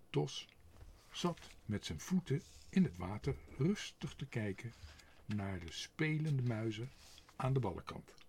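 A man reading a children's book aloud, expressive and sometimes dropping to a whisper. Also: mid-range voice, slight background noise. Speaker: narrator.

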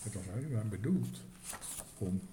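A man reading a children's story aloud in a lively, expressive way. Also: on the low side, moderate pace, slight background noise.

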